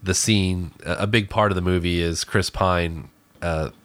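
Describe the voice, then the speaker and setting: A man co-hosting a podcast, talking through a film review in a casual, halting way as he searches for words. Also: low-pitched, fairly even intonation, fairly bright tone, dry recording. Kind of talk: casual conversation.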